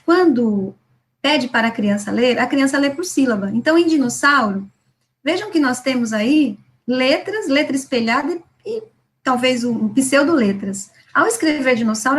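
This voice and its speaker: A woman with a Brazilian Portuguese accent lecturing on children's literacy over example slides, slowing down to sound out words syllable by syllable. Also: sits high. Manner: slows and stretches words to model a child reading syllable by syllable; didactic, with frequent "né?" tags and restarts. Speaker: literacy educator.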